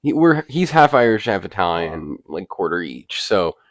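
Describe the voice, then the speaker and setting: Man, deep voice, co-host of a relaxed film chat; earnest and analytical, with long explanations. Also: moderate pace, dry recording, studio quality. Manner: defends his view with analysis. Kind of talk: casual movie discussion.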